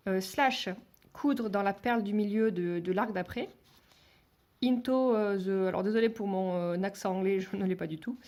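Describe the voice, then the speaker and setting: A woman's voice: mid-range voice, moderate pace, a little mellow. A woman giving a step-by-step beading tutorial, talking hesitantly with many fillers and restarts, and dropping to a near whisper while she counts beads. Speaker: beading instructor.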